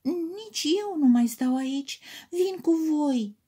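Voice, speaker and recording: A woman's voice: mid-range voice, a little mellow, lightly acted. A woman voicing a worn, half-asleep storybook that scolds and complains. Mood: plaintive. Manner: plaintive, scolding.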